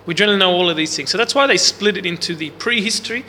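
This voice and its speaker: Speaking in a high-pitched, rapid-fire way, a loud, bright-voiced man teaches an interactive Bible class in a big, echoing hall. There's no mic on him, just a recorder in the room catching long reverb and faint hiss, as he casually explains and questions the group.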